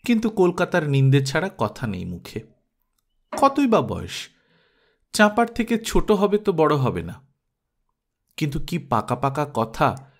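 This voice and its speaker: A man reading a novel aloud as an audiobook narrator, telling the story expressively. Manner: animated storytelling, shifting pitch for quoted children.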